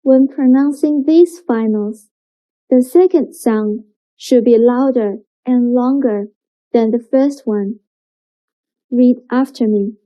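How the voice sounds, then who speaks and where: A woman teaching pronunciation in a slow, clearly enunciated lesson, modelling sounds patiently for learners to repeat. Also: a little high. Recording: dull lo-fi recording.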